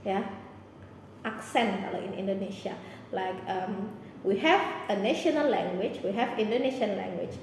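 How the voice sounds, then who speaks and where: A woman English teacher with a Palembang accent, giving encouraging, animated answers in an interview. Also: mid-range voice, a little slow, vocal fry, a little hiss or hum. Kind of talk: explanatory interview answers mixing Indonesian and English. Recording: echoey hall.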